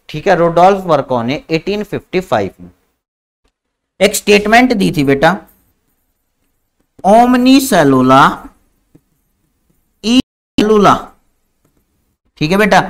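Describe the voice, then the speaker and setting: Teaching biology online, this man mixes Hindi with English in an Indian English accent, his high voice lively and his pace normal. He calls the students "beta" and lengthens key words as he dictates notes.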